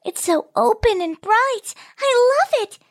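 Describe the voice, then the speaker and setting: A woman doing a tiny, squeaky eager seed. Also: a little slow, full character voice. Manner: excited, childlike. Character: eager little seed sprouting, small, impatient and hopeful. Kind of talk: storybook reading.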